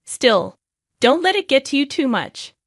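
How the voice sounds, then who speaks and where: A woman voicing a gentle, apologetic husband on the phone in a narrated story. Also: sits high, sing-song, unhurried, no echo, studio quality, voice pushed up. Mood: soothing. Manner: soothing, apologetic.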